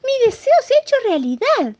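A woman voicing a small, anxious, excitable mouse in a children's story, squeaky and shrill. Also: unhurried, dull audio. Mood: amazed.

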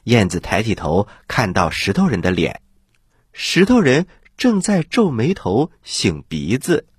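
A man hosting and narrating stories for children in an animated, husky voice. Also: lowish voice, unhurried, no room sound, clean studio sound. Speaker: children's storyteller, host.

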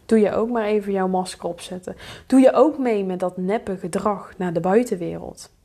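Speaking at a normal speed in a dark-toned voice, this podcast host and coach confronts the listener head-on in her solo show. For her inner thoughts, she lowers to a mutter.

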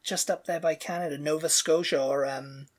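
Brief: woman podcast co-host, slightly low voice, loose chatty delivery full of "like" and "you know". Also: steady tone, moderate pace, a little mellow. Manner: chatty, acts out quoted people, many fillers. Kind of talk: casual chat reacting to comments.

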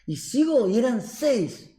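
A man's voice: extremely high pitch, big pitch swings, slow, warm tone, roomy sound. A young man with a Rioplatense Argentine accent, telling a personal story in casual chat. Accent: Rioplatense Spanish.

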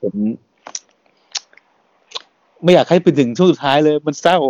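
A man hosting a casual podcast, talking in a relaxed, chatty way and laughing often. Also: on the high side, racing, muffled recording. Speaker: podcast host.

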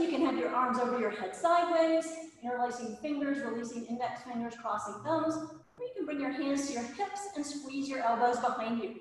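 A woman instructing a yoga class, calling out directive cues in short, clipped commands. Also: on the high side. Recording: very echoey hall, distant mic, background noise.

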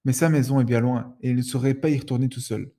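A man reading a children's story aloud in a lively, sing-song way. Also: medium pitch, fast.

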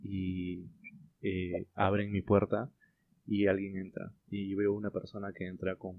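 A low-voiced man tells a story in relaxed conversation, pausing often and restarting his sentences. The recording is dull and lo-fi, as if captured on a cheap microphone. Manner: hesitant, many fillers and restarts. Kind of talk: casual chat. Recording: lo-fi muffled sound.

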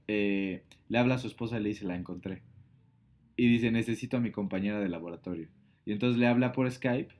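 A man from Mexico with a medium-pitched, darkish voice co-hosts a podcast, casually retelling a film plot. His storytelling is full of fillers and quoted lines.

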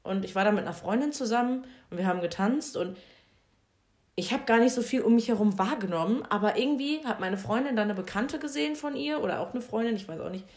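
A young woman in casual chat, telling stories in a direct, lively way. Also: a little high, fast talker. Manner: direct, animated storyteller. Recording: roomy echo.

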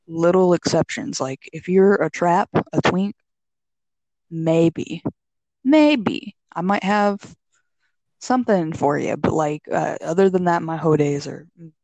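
A woman's voice: fairly low pitch, expressive, takes it slowly, a little mellow, no room sound, low-quality recording. A young woman from Texas telling anecdotes in casual chat, slangy and blunt, acting out what people said. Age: young adult. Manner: slangy, blunt, swears freely, quotes people animatedly.

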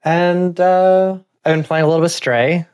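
A man co-hosting a casual gaming chat, low-key and a bit hesitant with fillers. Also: fairly even intonation, measured pace, a little mellow, smooth, highs cut off. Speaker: podcast co-host.

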